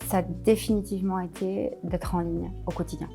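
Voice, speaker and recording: A woman's voice: fairly low pitch, steady tone, fairly quick, vocal fry, over music. A woman business coach chatting casually in an interview, hesitant with many fillers and restarts.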